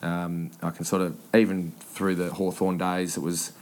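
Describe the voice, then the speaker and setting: A low-voiced Australian man in his thirties spins yarns as a podcast guest. He stumbles over his words, restarts often, and laughs his way through the stories in a relaxed, unpolished interview manner. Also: slight background noise. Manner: laughs often, halting with many ums and restarts. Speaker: former footballer, podcast guest. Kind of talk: casual storytelling interview.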